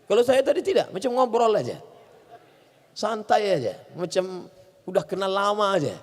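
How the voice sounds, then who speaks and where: A man in his forties preaching a lively, humorous sermon, acting out quotes in the story and shouting at its peaks. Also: high-pitched, normal speed. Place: large hall. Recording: hall reverb.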